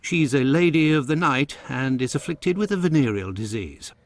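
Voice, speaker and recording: An actor playing a courteous, proper Victorian gentleman doctor in a video game, questioning formally and politely. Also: medium pitch, expressive, normal speed, close to an everyday voice. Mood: inquiring.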